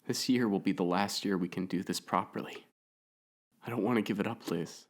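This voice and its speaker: A man's voice: sits low, moderate pace. Man doing a spirited girl hunter, Sadie. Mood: gentle, earnest. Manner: eager and spirited. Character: bold spirited young girl monster hunter.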